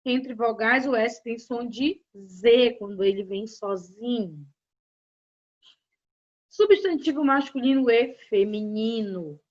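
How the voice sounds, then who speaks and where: A woman teacher with a Brazilian Portuguese accent, giving a grammar lesson and talking straight to her students in a slow, deliberate way. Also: a little high, a little mellow. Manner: slow, deliberate explanation addressing students directly. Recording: dull lo-fi audio.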